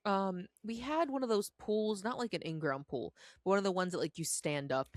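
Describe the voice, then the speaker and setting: A young woman co-hosting a podcast, animated and incredulous in casual chat. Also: medium pitch, normal speed, no echo, clean studio sound. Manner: animated, incredulous, laughing asides. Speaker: podcast co-host.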